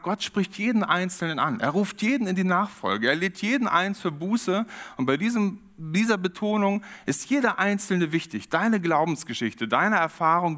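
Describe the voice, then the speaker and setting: A man preaching a sermon, reflective and steady, often posing questions to his congregation. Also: on the high side. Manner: reflective, poses rhetorical questions.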